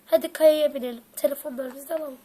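A woman with a high, light voice plays through a toy story, voicing each little figure herself. Her lines bounce between playful urging and bickering back-and-forth. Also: steady tone, a little fast, mellow. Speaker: toy video creator.

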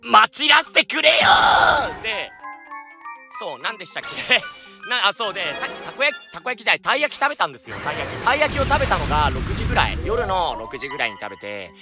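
A man giving energetic, jokey let's-play commentary with loud outbursts. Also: high voice, very fast, over music. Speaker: gaming YouTuber.

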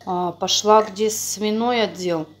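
A woman's voice: mid-range voice, steady tone, slow. Middle-aged mother talking with her mouth full. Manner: chatty, grumbling asides while eating. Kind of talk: casual mukbang chat.

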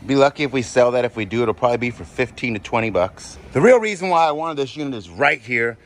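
Speaking fast and expressively in a mid-range voice, this forties-aged vlog host chats in a loose, slangy way while sorting storage auction finds. He's outdoors at a storage unit lot, partly in a vehicle, and the noisy recording picks up vehicle sounds.

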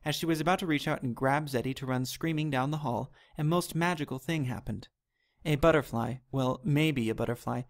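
A man narrating an animated chapter of a children's novel in a steady, even reading. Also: on the high side. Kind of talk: storybook narration.

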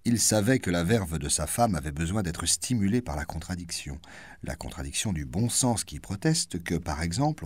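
A man giving measured, expressive narration of a literary audiobook. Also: low voice, dry recording. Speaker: audiobook reader.

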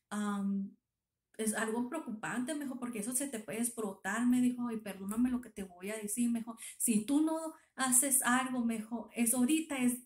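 A woman in a casual, emotional vlog, retelling what others said to her line by line. Her voice sits a little high. The room around her gives the sound a noticeable echo. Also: a little mellow. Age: 30s. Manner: emotional retelling, quoting others with constant "me dijo". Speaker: vlogger.

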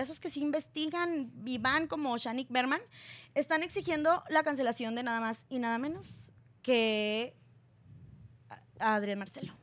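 A woman's voice: high voice, a bit bright. A woman with a Mexican accent hosting a celebrity gossip channel, talking in a sassy, slangy and sarcastic way into a phone.

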